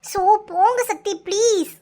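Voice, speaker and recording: Cartoon lead: a teary, stubborn young village girl with a Kanyakumari Tamil lilt and a very high, squeaky voice, a woman putting it on. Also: unhurried, warm tone. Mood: pleading. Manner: pleading and sulky, high squeaky voice. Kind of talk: cartoon voice acting.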